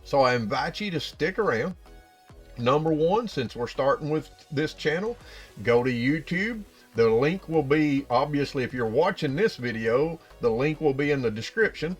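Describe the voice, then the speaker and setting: A man's voice: on the high side, expressive, normal speed, husky. Man with an Appalachian hillbilly accent, music behind. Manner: folksy, addresses viewers directly. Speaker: YouTube channel host. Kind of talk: casual explainer talk to viewers.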